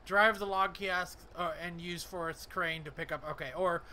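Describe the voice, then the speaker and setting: Young guy casually talking through a game, slightly high voice, reading menus out loud, truck engine noise behind. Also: fairly even intonation, normal speed. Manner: casual, thinking aloud, reads menu items. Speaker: gaming channel host. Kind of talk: let's play commentary.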